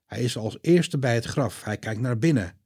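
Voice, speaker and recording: A man reading a children's Bible story aloud with expressive, dramatic delivery. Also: mid-range voice, slightly rough, no room sound, clean studio sound. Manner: lively, expressive, dramatic pauses.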